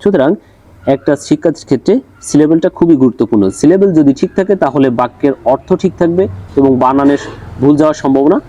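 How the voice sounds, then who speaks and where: A man with a Bengali accent teaching an English textbook lesson, reading English lines slowly and then explaining them. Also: on the high side, warm tone, highs cut off.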